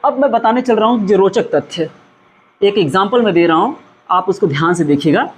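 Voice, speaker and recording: A man's voice: high voice, animated, a little fast, slight background noise. A male teacher giving a grammar lesson, who asks his students questions and then answers them himself, repeating key words for emphasis. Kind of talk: classroom-style grammar lesson.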